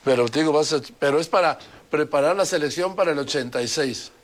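A man's voice: on the high side, quick pace. An older man, hosting an interview in a chatty way, prompting his guest with questions. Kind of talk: casual interview.

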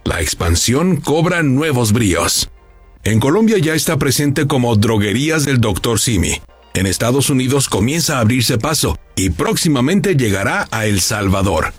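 A man reading a scripted news feature as narrator, measured and polished. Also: mid-range voice, sing-song, slightly rough. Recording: voice-over with faint music.

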